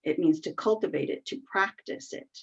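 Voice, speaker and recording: Muffled low-voiced woman explaining calmly. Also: normal speed, vocal fry, slightly rough. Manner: earnest, explains step by step with many fillers. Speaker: qigong teacher, guest. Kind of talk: explanatory interview answers. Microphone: video call. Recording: muffled lo-fi video call audio.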